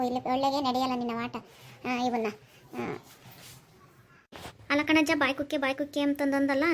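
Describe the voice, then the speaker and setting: Cartoon woman, voiced by an actor, high, rapid, flat-toned scolding, faint hiss. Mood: complaining. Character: scolding village woman customer, sharp-tongued. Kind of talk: cartoon voice acting.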